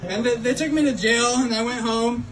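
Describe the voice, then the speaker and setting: A man doing a stand-up comedy set with a halting delivery, full of ums and uhs. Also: very high voice. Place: comedy club stage before a laughing crowd. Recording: distant room recording with loud crowd laughter.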